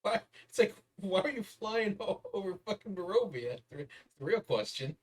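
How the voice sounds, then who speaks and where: A man's voice: sits high, big pitch swings, moderate pace, husky, distant mic. A man playing a tabletop game, rambling in amused musing during casual chat. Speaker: player.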